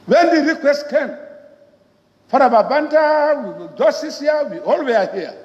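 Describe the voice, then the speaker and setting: A very high-voiced woman with a Gambian accent delivers a parliament speech. She is emphatic and rhetorical, repeating her phrases, and her voice rings through an echoey hall. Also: expressive, measured pace, a little mellow. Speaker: member of parliament. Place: large parliament chamber. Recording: echoey, reverberant hall, muffled.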